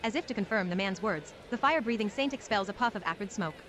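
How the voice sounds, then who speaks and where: A woman's voice: medium pitch, lively intonation, fast, crowd noise, background noise. A woman reading dramatic scripted narration as the narrator of a fantasy game.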